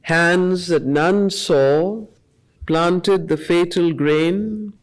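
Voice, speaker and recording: A woman leading a study circle reads poetry deliberately, pausing between short phrases and explaining it as she goes. Her voice is lowish and measured.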